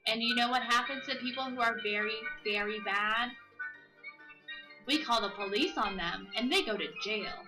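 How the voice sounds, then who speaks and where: Over music, a woman with a slightly high voice plays through a visual novel as a let's play host, reading the text aloud and cracking jokes in between. She playfully drags out lines for comic emphasis, and the audio is rough.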